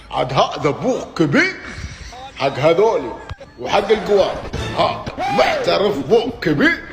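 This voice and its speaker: A man rants like a mocking football fan, jeering and laughing as he talks. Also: high voice. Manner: taunting, laughs while jeering. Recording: echoey roomy recording with clear background noise.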